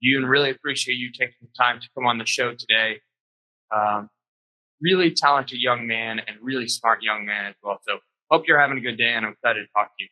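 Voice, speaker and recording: A man's voice: mid-range voice, fairly quick, pushed and bright, poor audio. A man hosting an interview podcast, friendly and upbeat, with frequent ums. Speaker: podcast host.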